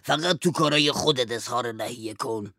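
A man's voice: mid-range voice, creaky, bright, forceful tone, no room sound, studio quality. An actor playing a broke, bossy father who stammers and hems in a storybook reading. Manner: hesitant, stammering with filler sounds. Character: broke, fast-talking father, wheedling and bossy. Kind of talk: audiobook voice acting.

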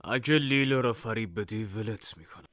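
A man's voice: lowish voice, a bit bright, dry recording, clean studio sound, lightly acted. A man voicing a cold, mocking young male rival. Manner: cold, sneering.

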